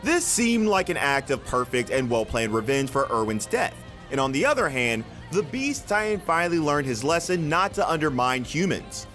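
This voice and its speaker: A man's voice: on the high side, very animated, moderate pace, a bit bright, faint music behind. A man reading scripted countdown narration for a video list.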